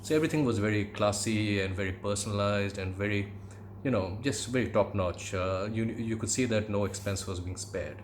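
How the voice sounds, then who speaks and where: A middle-aged man from India with an educated Indian English accent, reminiscing in a conversational monologue with measured, hesitant phrasing. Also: fairly low pitch, slight background noise. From Calcutta, India. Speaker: podcast host, aviation commentator.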